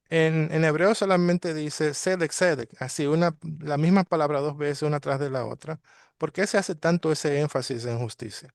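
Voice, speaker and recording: A man gives a daily Torah study talk in a slightly high voice. He halts often, filling gaps and starting his phrases over. The sound is dry and close. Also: no echo. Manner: hesitant, many fillers and restarts. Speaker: congregation teacher.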